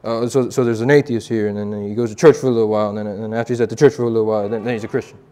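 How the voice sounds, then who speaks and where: Mumbling oddball street man, lower and softer, halting, repetitive, rushed bits, as a man mocks him. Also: steady tone, natural voice. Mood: rambling. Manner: halting, repetitive, stumbling over words.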